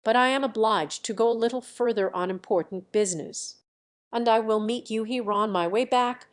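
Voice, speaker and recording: A woman's voice: fairly high pitch, moderate pace, lightly acted. A woman voicing a vain, scheming young country woman who brags about her beauty, in a storybook reading. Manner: boastful, self-satisfied.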